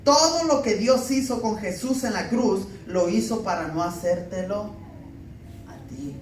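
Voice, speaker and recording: A man's voice: high voice, animated, a little slow. A man preaching a sermon with emphatic swells and wry, down-to-earth asides. He is picked up from some distance in a reverberant church hall, with a faint hiss behind him. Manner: emphatic preaching mixed with homey humor and anecdotes. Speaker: pastor. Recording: echoey room, mic at a distance, faint background noise.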